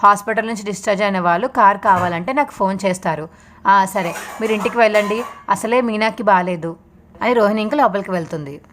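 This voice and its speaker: A woman's voice: mid-range voice, quick pace, noisy background. A woman vlogger recapping a TV serial in a plain storytelling manner. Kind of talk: casual episode recap narration.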